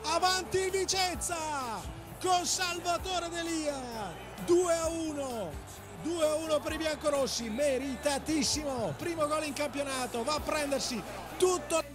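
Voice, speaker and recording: Very high-pitched breathless man calling football goals. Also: unhurried, over a noisy crowd. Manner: breathless, repeats words in excitement. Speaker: football commentator. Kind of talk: excited Italian goal commentary. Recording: loud music under TV match commentary. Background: music.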